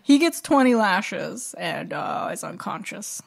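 A woman's voice: medium pitch, big pitch swings, slow pace, gravelly. Casual swearing woman podcaster. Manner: blunt, swears freely, laughs while talking. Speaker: podcast co-host. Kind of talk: casual book club chat.

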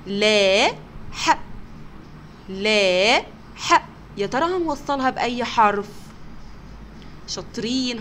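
A woman with an Egyptian Arabic accent teaching kindergarteners, sounding out words slowly and praising them often. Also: mid-range voice, slight background noise. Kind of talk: recorded online lesson for young children.

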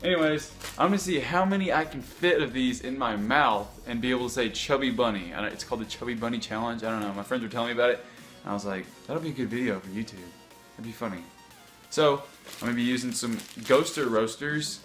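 A man's voice: medium pitch, fast, fairly bright tone, soft background music. A young man chatting casually to camera as a vlogger, rambling with unsure asides. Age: young adult. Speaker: YouTube vlogger. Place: home kitchen.

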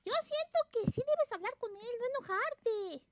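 A woman voicing Ramona, a kind and cheerful young girl puppet who gives gentle, motherly advice to her friends. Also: very high-pitched, lively intonation, moderate pace. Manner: warm, motherly advice-giving, sings and laughs. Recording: noisy background hiss.

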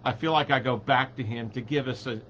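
A man leading a church Bible study, talking it through in a halting, conversational way with many fillers and restarts. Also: medium pitch, fairly bright tone. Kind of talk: slow conversational Bible teaching. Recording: dull lo-fi recording with faint hum.

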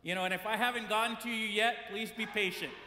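A man delivers a chatty sermon in a church sanctuary, slipping into the voices of the people he quotes. His voice sits high and sounds bright and forceful. The room rings with a long, echoing reverb. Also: fairly even intonation, fast talker, a little hiss or hum. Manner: conversational, acts out quoted complaints. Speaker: preacher.

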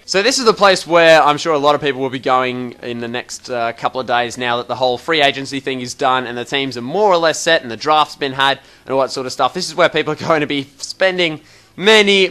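A man's voice: fairly high pitch, sharp tone, smooth. Chatty Australian man explaining a game. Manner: rambling and chatty, full of fillers and restarts, mildly exasperated. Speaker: gaming video host. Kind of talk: casual game tutorial commentary.

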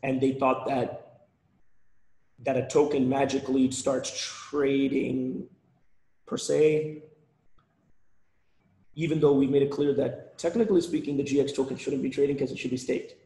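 A man's voice: medium pitch, little pitch movement, a little slow, long pauses, dark tone. A man presenting on a live webinar, losing his voice, rambling with frequent restarts and repeated words. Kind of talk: casual live webinar talk. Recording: roomy echoey sound.

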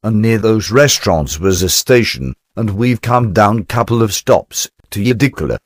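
A man's voice: lowish voice, lively intonation, moderate pace, dry recording. An older man, narrating his travel video in a chatty, wry, self-deprecating way.

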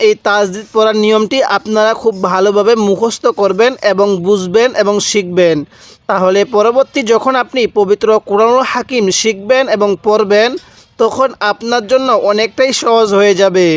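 A man's voice: high voice, dry recording. A man teaching Quran reading, patiently spelling out each syllable, repeating it and asking his learners questions.

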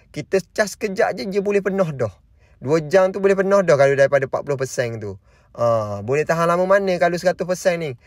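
A man's voice: fairly high pitch, dry recording, clean studio sound. A man narrating his camping vlog in a rambling, casual way, often stringing thoughts together with "and then". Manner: rambling, repeats "lepas tu pun" often. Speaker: vlogger.

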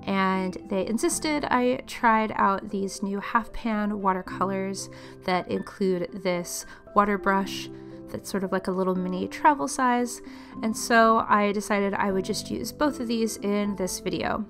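Woman vlogger, bit raspy from a cold, rambling chatty product talk, soft music behind. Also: mid-range voice, measured pace. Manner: chatty, meandering, with small laughs. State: getting over a cold, slightly raspy. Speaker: art channel host. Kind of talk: casual product review vlog.

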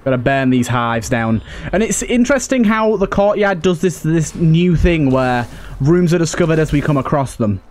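This let's play host has a slightly high voice with a darkish tone and lively intonation, speaking at a moderate pace. He muses aloud casually, often repeating himself. Video game ambience and effects are clearly audible.

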